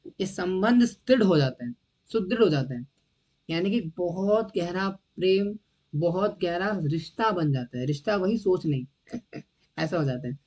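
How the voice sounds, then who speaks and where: A man giving a devotional lecture in a conversational way, often checking whether his listeners follow and often clearing his throat. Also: sits high, a little mellow, highs cut off. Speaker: devotional teacher.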